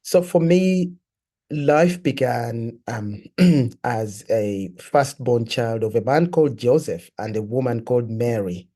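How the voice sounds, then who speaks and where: A man from Uganda, a guest sharing his life story in an interview, telling it in a reflective, earnest and measured way. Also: mid-range voice, animated, mellow. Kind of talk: personal testimony in an interview.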